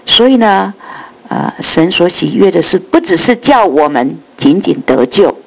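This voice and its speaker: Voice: mid-range voice, big pitch swings, measured pace, vocal fry, poor audio. A preacher giving an earnest Bible sermon, with slightly lisping, air-leaking speech from missing front dentures. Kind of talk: sermon and Bible teaching, with prayer and read-aloud scripture.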